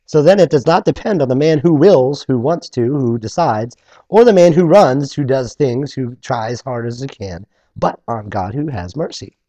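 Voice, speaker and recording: Animated man teaching scripture. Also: mid-range voice, moderate pace. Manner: animated, acts out objectors in voices; conversational, with restarts. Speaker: preacher. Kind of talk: expository Bible teaching.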